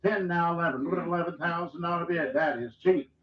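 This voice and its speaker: A man's voice: a little high, brisk, distant mic. A man calling a live auction in an auctioneer's chant, rattling off repeated numbers. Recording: echoey, dull lo-fi room sound.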